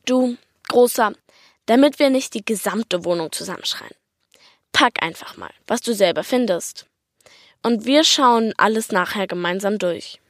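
A woman with an Austrian accent voicing a patient, practical mother who speaks calmly and firmly. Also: mid-range voice, unhurried, no room sound, clean studio sound, lightly acted. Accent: Austrian German. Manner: calm, firm, organizing.

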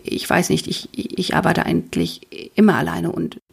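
A woman's voice: fairly low pitch, little pitch movement, moderate pace, gravelly, breathy edge, full character voice. A woman voicing a bashful adult male detective who stammers and mumbles, in an audiobook. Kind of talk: audiobook character voice.

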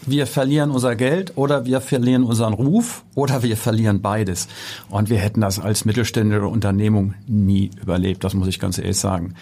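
A man's voice: on the low side, steady tone, a little fast, warm tone. A middle-aged man answering interview questions in a podcast studio, thoughtful and hesitant, with many fillers. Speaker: guest, construction company executive.

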